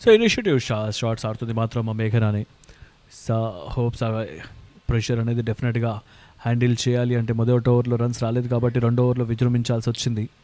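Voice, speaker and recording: A male cricket commentator with a Telugu accent calls play ball by ball in a mid-pitched voice that keeps to a narrow range. He mixes in English terms and often restarts his thoughts with "So". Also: completely flat delivery, brisk, warm tone. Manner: starts phrases with "So", repeats himself.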